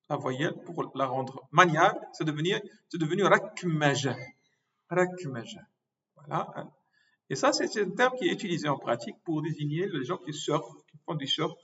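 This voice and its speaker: A male professor giving a recorded lecture, slowly repeating and spelling out terms. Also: a little high, pushed and bright. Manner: slow, repeats words and spells them out syllable by syllable. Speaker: medical school professor. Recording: distant mic, dull lo-fi sound.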